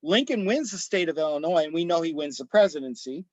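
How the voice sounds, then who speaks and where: A man's voice: fairly high pitch, expressive, fast, darkish tone, dry recording, muffled recording. A man presenting a history lecture as an author, telling the story with frequent ums and restarts.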